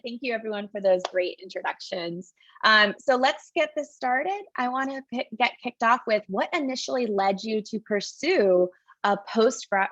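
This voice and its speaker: A woman admissions officer hosting an online alumni panel, upbeat and brisk, with short affirmations between speakers. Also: mid-range voice, fairly bright tone, no room sound, highs cut off.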